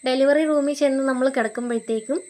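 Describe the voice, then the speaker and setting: A young woman, telling her own story in a relaxed, conversational way. She pauses on fillers and starts over now and then, and her voice sits a touch higher than most women's. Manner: conversational, frequent fillers and restarts. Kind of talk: casual personal storytelling.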